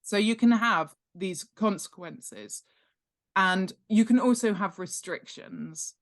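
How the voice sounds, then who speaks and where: This podcast guest, a woman who is an author and world-building expert, takes it slowly in a medium-pitched voice during a casual instructional interview chat. She explains informally and with animated emphasis, repeating key points, asking rhetorical questions, and acting out examples.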